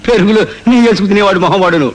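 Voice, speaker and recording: A man plays a crotchety old father who never stops bickering and hurls made-up insults at his family. His voice sits high and the words tumble out fast. The tone is scolding and theatrical, pure film comedy. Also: soft background music, lightly acted. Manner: rapid scolding, mock-grand insults. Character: cantankerous old father, spouting invented insults.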